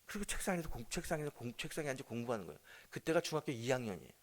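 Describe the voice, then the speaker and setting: A man's voice: mid-range voice, rapid-fire. A male pastor telling a story in a sermon. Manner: lively storytelling, acting out family dialogue; addresses the congregation with questions. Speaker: senior pastor.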